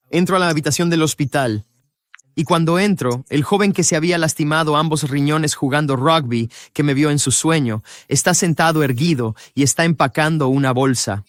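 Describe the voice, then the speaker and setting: A man's voice: a little high, no echo, clean studio sound. A man recounting his personal faith testimony as a former missionary, in an earnest, confessional storytelling way.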